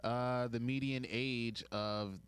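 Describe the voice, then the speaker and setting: A man's voice: mid-range voice, steady tone, takes it slowly, clear, resonant tone. A man co-hosting a podcast, sharing facts in a laid-back way. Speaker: podcast co-host. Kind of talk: casual podcast chat.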